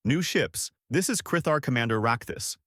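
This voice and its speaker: A rough-voiced male pirate commander delivering threats in a narrated space story, read by a man. His speech is mean and menacing, the reading dry and close. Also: medium pitch, animated, moderate pace, a bit bright, no room sound.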